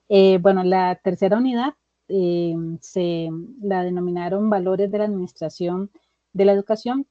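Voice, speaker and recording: Woman tutor with a dark, mellow voice. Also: lowish voice, no room sound, lo-fi sound. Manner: explains step by step, checks in with students. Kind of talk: online tutoring lecture.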